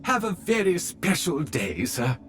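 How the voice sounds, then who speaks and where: Fawning polite butler robot. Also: male voice, sits high, very animated, measured pace, a bit bright, slight background noise, exaggerated voice. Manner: obsequious, formal, calls everyone sir. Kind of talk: video game voice acting.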